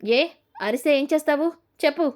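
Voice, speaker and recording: A woman puts on a sharp-tongued mother-in-law from a family drama, high-voiced and quick to anger. She scolds and shouts at the younger women of the house in a storyteller's retelling. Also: natural voice. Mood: nagging.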